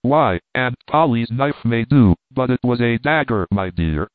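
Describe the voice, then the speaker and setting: A man's voice: mid-range voice, expressive, measured pace, no room sound, close to an everyday voice. A man reading as a stern old scholar. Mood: dryly correcting. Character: stern old male scholar questioning a child. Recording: tinny phone-like sound.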